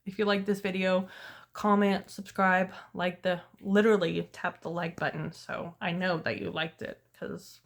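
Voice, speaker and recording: A tired young vlogger tells a story straight to camera, her voice turning hoarse as she rambles candidly and makes self-deprecating remarks. She speaks on the low side, with a level tone and a moderate pace.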